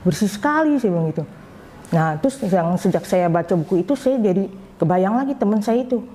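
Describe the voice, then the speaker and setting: A woman telling her personal story, voicing the people in it with animated quoted dialogue. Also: medium pitch, a little fast. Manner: recounts with lively quoted dialogue. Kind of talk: personal testimony.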